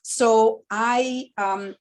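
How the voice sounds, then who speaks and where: Speaking very slowly in a fairly high voice, this Spanish-speaking entrepreneur from the Dominican Republic, in her fifties, shares her story as a guest at a fireside chat. She comes across as an open, animated storyteller who leans on lots of fillers.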